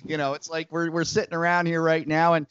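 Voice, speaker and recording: A man's voice: on the high side, flat delivery, fast, a bit bright. A man interviewing in a casual, informal, rambling way, often restating his point. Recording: dull, lo-fi remote call sound.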